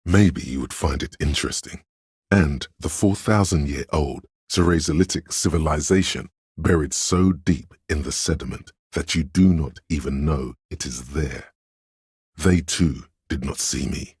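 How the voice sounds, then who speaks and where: Exceptionally deep and heavily husky, with a darkish tone, this male voice serves as a video game's scholarly inner voice of trivia. He speaks in a measured, erudite, heavily acted way, as if narrating obscure facts from a script, captured close and dry.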